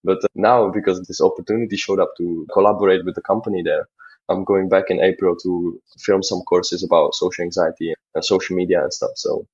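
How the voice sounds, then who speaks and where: A young man from the Czech Republic talks as a podcast guest, earnest and rambling. His voice sits a bit low and sounds husky. The audio comes through dull and lo-fi. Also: steady tone, a little fast, a little mellow. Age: 20s. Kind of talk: casual interview talk.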